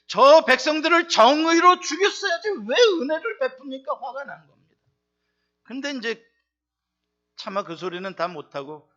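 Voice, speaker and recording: A man pastor preaching a sermon with emphatic rhetorical questions, swinging between loud outbursts and soft asides. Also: fairly high pitch, muffled recording.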